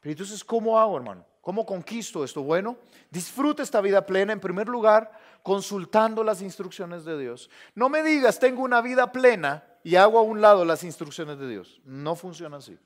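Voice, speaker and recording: A man's voice: sits high, animated, fairly quick. A male pastor preaching a sermon in a conversational way, often speaking to the listener as "brother".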